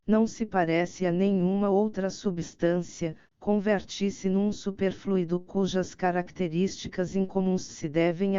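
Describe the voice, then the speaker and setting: A woman reading scripted audiobook narration in a measured, formal way. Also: lowish voice, dark tone, clear, resonant tone, no echo, lo-fi sound.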